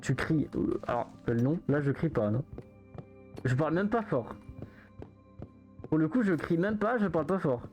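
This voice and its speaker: A man streaming live, chatting casually and protesting in fast, repetitive banter. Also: fairly high pitch, expressive, darkish tone, soft background music.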